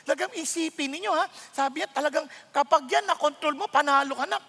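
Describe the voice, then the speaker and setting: Man, Filipino accent, sermon, high voice, animated, rhetorical questions, long hall reverb. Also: fast. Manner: animated, rhetorical questions, mixes English into Tagalog. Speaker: preacher.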